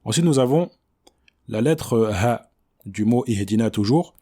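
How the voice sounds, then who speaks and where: Calm man teaching quran reading, warm mellow voice, keeps saying d'accord, stretches words out slow to demo. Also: medium pitch. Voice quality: chants the verse in a slow drawn-out recitation. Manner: patient, repeats "d'accord?", slows to model each word. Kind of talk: tajwid pronunciation lesson.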